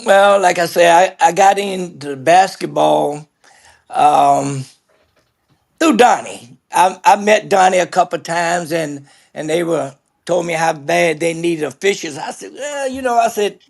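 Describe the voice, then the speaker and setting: An older man, a veteran sports official, telling stories in an easygoing, halting way as an interview guest. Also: fairly high pitch, gravelly. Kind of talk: casual interview chat.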